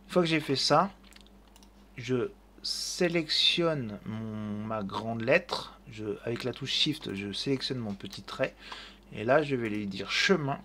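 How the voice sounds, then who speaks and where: A man hosts a screen-recorded software tutorial, speaking at medium pitch into a desk mic at his computer. He thinks aloud and narrates each click with fillers, and a little hiss or hum is audible.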